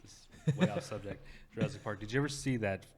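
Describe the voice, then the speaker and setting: A man's voice: fairly low pitch, fast talker. A man co-hosting a podcast, chatting casually and drifting into little tangents. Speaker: podcast co-host. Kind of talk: casual chat.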